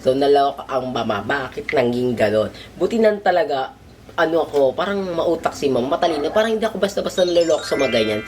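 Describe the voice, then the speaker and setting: A man telling a story in a casual vlog, gossipy and animated, his pitch jumping up and down a lot. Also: fast talker, soft background music. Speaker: vlogger.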